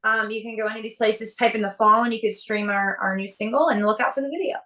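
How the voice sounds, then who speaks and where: Chatty woman band member, somewhat high voice. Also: steady tone, fast talker, a bit bright. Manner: chatty, enthusiastic, recommends things. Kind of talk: casual chat.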